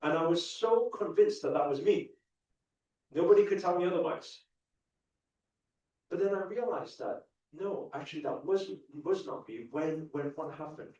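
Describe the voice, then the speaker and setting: In an echoey indoor event hall, a young UK motivational speaker talks live to an audience with a fairly high, warm voice, lively intonation, and a moderate pace. He is earnest, quizzes the crowd, and often starts sentences over. The microphone is heard from afar.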